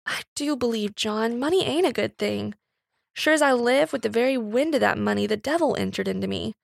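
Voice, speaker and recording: A woman's voice: on the high side, fairly quick, vocal fry, no room sound, clean studio sound. Woman voicing a tearful young servant girl. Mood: confessing. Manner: pleading, emotional, rustic dialect. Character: young working-class woman, tearful and ashamed.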